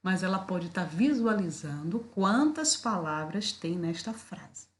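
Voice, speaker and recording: Woman teacher, low-ish voice, unhurried explanatory delivery with many fillers and questions to the viewer. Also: lively intonation. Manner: slow, deliberate, with frequent fillers and rhetorical questions. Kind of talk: recorded video lesson.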